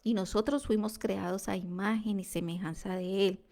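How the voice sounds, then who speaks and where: A woman sharing a devotional testimony, earnest and reflective, sometimes dropping to a soft whisper. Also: medium pitch, fairly even intonation, normal speed, gravelly.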